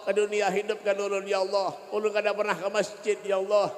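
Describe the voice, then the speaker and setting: A male preacher voicing a remorseful dead gambler who begs God to bring him back to life, repeating a loud pleading refrain. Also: sits high, monotone, brisk, big-room sound, close to an everyday voice.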